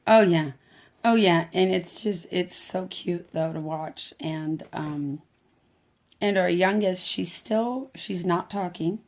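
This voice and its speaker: A woman chatting casually on a family vlog, animated and giggly, with lots of restarts. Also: on the low side, takes it slowly. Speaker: adoptive mother, vlogger. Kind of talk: casual chat.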